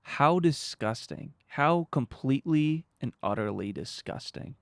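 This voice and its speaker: A man's voice: mid-range voice, lively intonation, a little slow, gravelly, dry recording, studio quality. A man interviewing someone in a conversational way, with short emphatic phrases and pointed questions.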